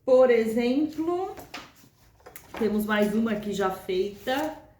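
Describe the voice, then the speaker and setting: A Brazilian woman gives a music lesson in a slow, patient way, chanting rhythm words to count the beats. Her voice sits a little high. The room around her is echoey. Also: animated, darkish tone, a little hiss or hum. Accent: Brazilian Portuguese. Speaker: music teacher. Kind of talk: video lesson.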